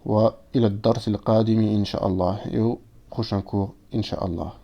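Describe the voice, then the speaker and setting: A man's voice: fairly low pitch, fairly even intonation, moderate pace, creaky. Patient man teaching, dull lo-fi sound. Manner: patient step-by-step explaining, reading out Arabic words and translating them. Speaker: Arabic teacher. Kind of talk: recorded online lesson.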